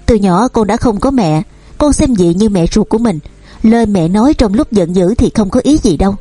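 A calm, warm eldest son who speaks softly, voiced by a woman. The voice is mellow and husky, with faint music under it. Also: mid-range voice, normal speed, dry recording. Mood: gentle. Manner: soft-spoken, gentle, calm.

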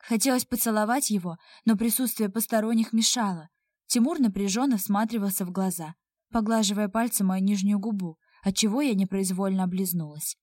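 A woman narrating a first-person audiobook in a steady, intimate reading. Her pitch sits in a middle range. The recording is dry and close, with no room sound. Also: fairly quick, dry recording.

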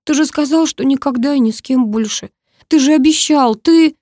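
A woman's voice: high-pitched, brisk, darkish tone, no echo, studio quality, voice pushed up, natural voice. A woman voicing a heartbroken young bride reproaching her fiancé in an audiobook. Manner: tearful, reproachful.

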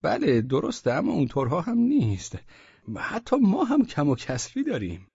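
A man performs an exaggerated audiobook character voice as a flustered, evasive official who stammers and hedges, insisting in a high-pitched, pleading way. His pitch swoops wildly, and his tone is gravelly, husky and a little mellow. The audio is dull and dry with no echo.

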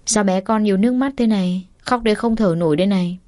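A woman reads the part of a doting young man soothing and coaxing his girlfriend the way one would comfort a child. Her natural voice is mid-pitched, quick and dark in tone, and the mood is soothing.

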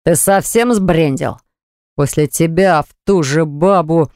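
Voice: medium pitch, slow, no echo, clean studio sound. A narrator putting on a smug sneering man. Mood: shouting. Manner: gloating, sneering, shouting when pinned. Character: smug, scornful man, quick to rage.

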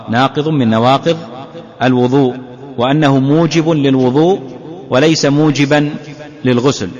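A male sheikh gives a religious lesson, unpacking a classical text slowly and repeating key points. His voice carries a long hall reverb. The sound is dull and lo-fi, like an old lecture tape. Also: medium pitch. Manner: deliberate, repeats key phrases to drive them home. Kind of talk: religious lesson explaining hadith.

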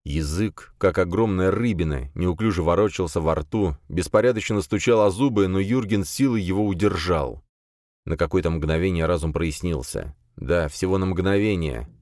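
A man narrating an audiobook in an expressive storytelling manner. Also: deep voice, moderate pace, dry recording, clean studio sound. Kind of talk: scripted narration.

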